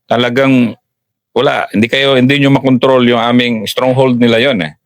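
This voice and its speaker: A man's voice: medium pitch, steady tone, moderate pace, dry recording. A Filipino man, an officer interviewing a soldier, prompting with questions and addressing him as "Master.".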